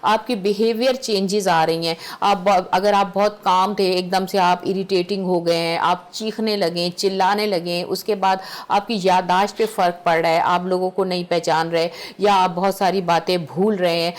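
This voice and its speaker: A woman's voice: lowish voice, fairly even intonation, few pauses. A woman doctor with a Pakistani accent, a guest on a TV talk show, methodically explaining health symptoms point by point. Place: TV studio.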